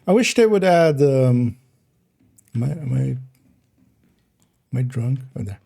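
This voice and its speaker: Rambling man with a mellow voice. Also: medium pitch, expressive, a little slow, vocal fry. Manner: rambling, giggly, restarts sentences often. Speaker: game streamer. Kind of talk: casual gameplay commentary.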